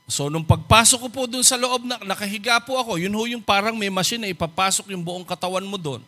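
A man's voice: high voice, fast talker, pushed and bright. A man preaching as a pastor, telling a personal testimony in a polite storytelling manner and acting out the voices of the people in it. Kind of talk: sermon testimony.

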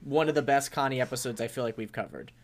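A man's voice: mid-range voice, fast talker. A young man co-hosting a casual podcast, rambling and hedging as he restarts his thoughts while discussing an episode. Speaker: podcast co-host. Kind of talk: casual chat reviewing an audio drama episode.

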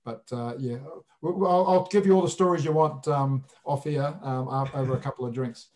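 A man with a broad Kiwi accent talks in a casual interview style at a middling pitch. He is blunt and jokey, leaning on colloquial phrasing as he answers as a guest. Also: normal speed, a little mellow. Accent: broad New Zealand. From New Zealand. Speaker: sports referee, interview guest.

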